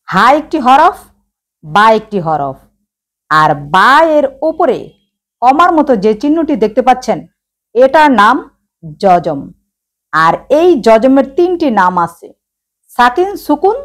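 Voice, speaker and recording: A woman explains how to read letters in a slow, careful teaching voice, sounding out each syllable for the viewer. Her voice sits a little high and moves through a wide, sing-song range. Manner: addresses viewers directly, sounds out letters slowly. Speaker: Quran reading teacher.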